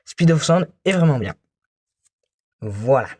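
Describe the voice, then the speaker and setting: A man adds a casual spoken aside, his voice mid-pitched and even. He explains plainly, with a hint of annoyance. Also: slow pace, breathy edge. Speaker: music reviewer. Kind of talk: casual voice-over correction.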